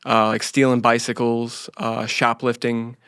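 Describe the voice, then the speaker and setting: An American man in his late thirties telling his own story casually as an interview guest, haltingly and repeating phrases. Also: mid-range voice, little pitch movement, fairly bright tone, clear, resonant tone, no room sound, studio quality. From United States, grew up in Florida.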